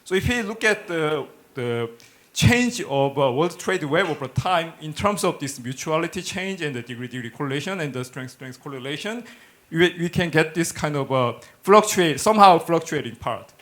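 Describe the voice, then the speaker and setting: A middle-aged man with a Korean accent gives a technical lecture in a halting manner, often repeating words as he searches for phrasing. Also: a little high, animated, fairly bright tone. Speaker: academic researcher presenting a lecture. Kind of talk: technical conference lecture with slides. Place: indoor lecture hall, speaking at a podium.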